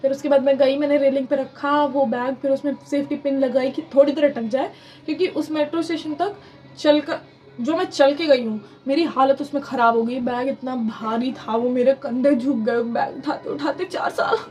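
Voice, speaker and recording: High-voiced young woman telling a story. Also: moderate pace, dull audio, faint music behind. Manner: animated, rambling, mixes English phrases into Hindi. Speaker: vlogger telling a personal story. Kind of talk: casual storytime narration.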